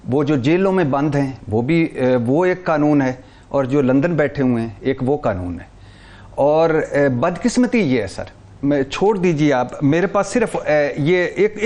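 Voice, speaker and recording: Brief: higher-voiced man, heated studio debater, rattles off names, stumbles and restarts. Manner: animated, lists names rapidly with restarts. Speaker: talk show guest. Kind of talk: heated political talk.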